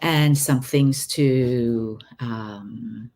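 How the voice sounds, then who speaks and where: A woman giving a guided relaxation talk as an energy healer, halting and unhurried, with long pauses between phrases. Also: rumbling low, darkish tone, a little hiss or hum. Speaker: energy healer hosting her own recordings.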